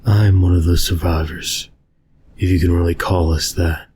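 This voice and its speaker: A man narrating a scary first-person story as a hunted survivor, in a haunting, grave and measured way. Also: deep voice, little pitch movement, warm tone, breathy edge. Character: haunted, fearful survivor hunted by unseen beings.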